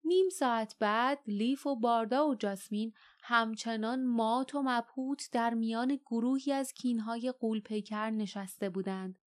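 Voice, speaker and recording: A woman narrating a fantasy audiobook in a steady, measured reading voice. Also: a little high. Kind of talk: scripted storybook narration.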